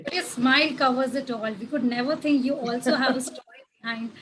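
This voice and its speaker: A woman's voice: sits high, fairly quick, a bit bright, slight background noise, rough recording. A woman with an Indian English accent, hosting a conversational interview and putting questions to her guest. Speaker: interviewer, podcast host.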